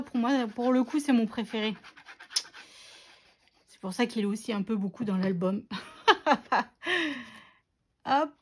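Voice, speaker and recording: Woman walking thru a scrapbook tutorial, bit higher voice, chatty and joking at herself. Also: darkish tone. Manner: chatty, self-mocking, many fillers and little laughs. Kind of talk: casual craft tutorial narration.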